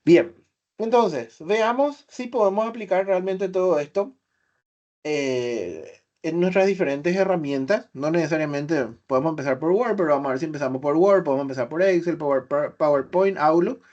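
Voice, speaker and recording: A man presenting a webinar, explaining software step by step with rhetorical questions and filler sounds. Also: on the high side, moderate pace. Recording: slightly dull webinar audio.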